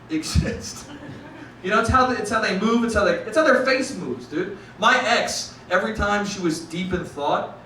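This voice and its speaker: A man's voice: high voice, bright, forceful tone, a little hiss or hum. A young man performing a stand-up comedy set, talking casually, swearing and calling the crowd dude and bro. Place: comedy club stage before a laughing crowd. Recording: roomy live club sound from a distance.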